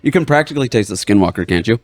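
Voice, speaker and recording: A man's voice: lowish voice, animated, very fast, dry recording. A young man hosting a podcast in casual banter, playful and joking. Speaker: podcast host.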